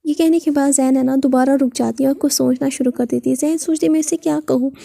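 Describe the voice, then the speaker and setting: A woman's voice: high-pitched, fairly even intonation, fast, gravelly, dark tone, no room sound, clean studio sound. A woman telling a story in a chatty, casual narration full of fillers. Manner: chatty, with frequent fillers and restarts.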